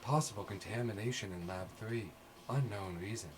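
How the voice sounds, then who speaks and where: A female AI hologram in a sci-fi tabletop game, flat and informative, as a male game master puts her on. She delivers findings in a measured, clinical manner, low and hushed. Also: noisy background, lightly acted.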